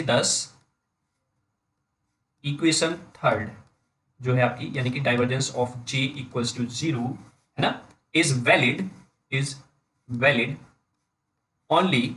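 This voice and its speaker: A man with an Indian accent giving an engineering lecture, dictating slowly word by word and often checking in with his students. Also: mid-range voice, fairly bright tone, rough recording. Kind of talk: blackboard-style lecture in mixed Hindi and English.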